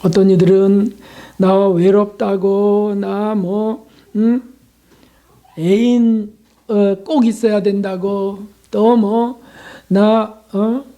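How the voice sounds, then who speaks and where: A man's voice: sits high, steady tone, drawn-out words, warm tone. A male pastor giving a sermon in a conversational way, asking rhetorical questions and acting out short prayers and dialogues.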